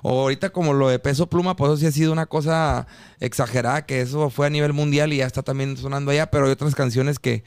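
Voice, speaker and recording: A man's voice: mid-range voice, steady tone, fast, clear, resonant tone, dry recording. A man with a northern Mexican accent, telling anecdotes casually in informal, slangy talk as a podcast guest. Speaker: guest singer.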